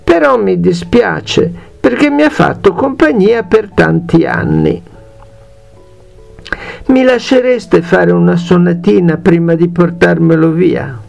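A man's voice: high-pitched, big pitch swings, slow, vocal fry, darkish tone, faint music behind, pitched above the performer's own voice, heavily acted. A man voicing a humble young soldier drummer in a fairy tale, polite and eager. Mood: cheerful.

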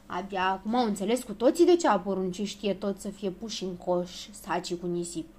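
A woman narrating a children's story aloud with expressive storytelling. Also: mid-range voice.

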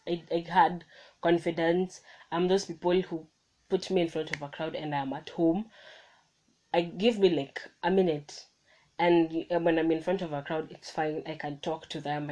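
Recorded on a phone mic with low-quality sound, this casual solo podcast monologue features a young adult woman as host. She has a low, mellow voice and comes across as chatty and motivational, often self-correcting.

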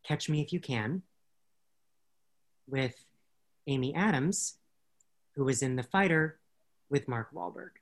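Rambling woman co-host, mid-pitched. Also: expressive, slow pace, long pauses. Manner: rambling, self-correcting, laughs easily. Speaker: podcast co-host. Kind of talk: casual chat.

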